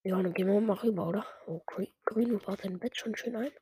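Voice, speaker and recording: Chatty gamer woman, husky and dry. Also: mid-range voice, brisk, dark tone, no echo. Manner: chatty, self-mocking, mutters under her breath. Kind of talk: casual gameplay commentary.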